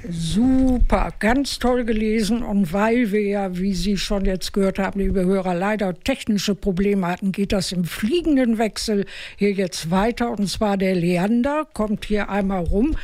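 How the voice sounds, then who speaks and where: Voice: medium pitch, unhurried, a little mellow, dry recording. Upbeat moderator of a live reading, dry. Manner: upbeat, improvising, praising. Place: live event with a single shared mic.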